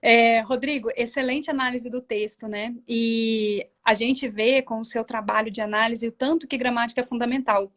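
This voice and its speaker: A woman's voice: on the high side, steady tone, normal speed, few pauses, fairly bright tone. A woman teacher hosting a reading club, summing up and encouraging her guest. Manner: encouraging, praising the guest's analysis.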